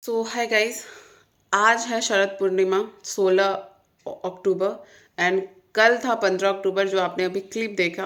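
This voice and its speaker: A young woman vlogger, talking casually to camera and venting, earnest and emphatic as she retells a fight. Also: mid-range voice. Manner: frustrated, venting. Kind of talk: casual vlog talk to camera.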